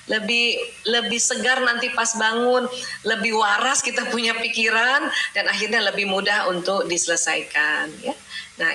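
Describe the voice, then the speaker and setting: A woman speaks in a bright, forceful voice in a roomy, echoey space. She gives a conversational religious talk and explains each point step by step. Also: mid-range voice, slight background noise. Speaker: doctor and teacher giving a talk. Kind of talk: religious talk on managing emotions. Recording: roomy echo.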